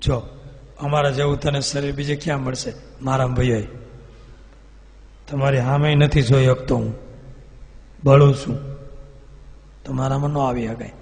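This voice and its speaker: A man's voice: medium pitch, flat delivery, moderate pace, pauses often, darkish tone, lightly acted. A man voicing a stubborn, boastful demon spirit that refuses to leave the body it possesses. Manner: defiant, insistent refusals. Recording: reverberant hall.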